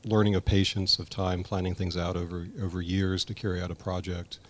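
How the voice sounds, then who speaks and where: A man being interviewed as a bonsai expert, answering in a thoughtful, halting way. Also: low-pitched, level tone.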